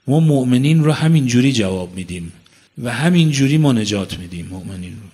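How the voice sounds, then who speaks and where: A man's voice: medium pitch, darkish tone. A man preaching a religious sermon, telling a story and quoting Arabic verses before explaining them, repeating phrases for emphasis. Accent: Iranian Persian. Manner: repeats phrases for emphasis, rising to fervent peaks.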